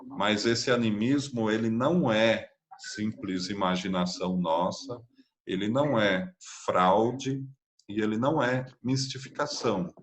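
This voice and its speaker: A man with a Brazilian Portuguese accent gives a spiritist class over a home computer mic. His voice sits fairly low. He explains things patiently and keeps checking in with his listeners. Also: measured pace. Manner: explanatory, frequent tag questions, patient. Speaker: spiritist course teacher. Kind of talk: online class lecture.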